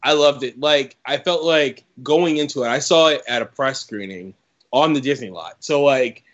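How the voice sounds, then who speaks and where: A man's voice: mid-range voice, moderate pace, a bit bright, dull audio. A man talking as a guest on a casual podcast, enthusiastic and filling his speech with "like". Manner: enthusiastic, lots of "like" fillers. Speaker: podcast guest, entertainment reporter.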